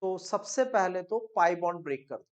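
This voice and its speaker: Low-voiced Indian woman teaching chemistry. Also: rapid-fire. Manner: explains step by step, repeats key phrases, asks "okay?" and "clear?". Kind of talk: classroom lecture mixing Hindi and English.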